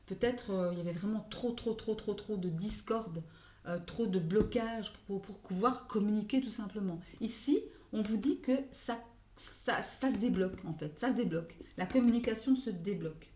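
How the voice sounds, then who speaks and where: A woman's voice: mid-range voice, normal speed, mellow, slight background noise. A woman giving a casual spoken card reading, hesitant and searching for words, often slipping in English phrases. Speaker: astrology card reader. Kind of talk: casual spoken tarot guidance. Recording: echoey room.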